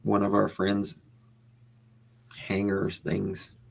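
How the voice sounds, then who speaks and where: Gravelly, low-voiced man chatting casually. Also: monotone, drawn-out words. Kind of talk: casual chat with read-out headlines.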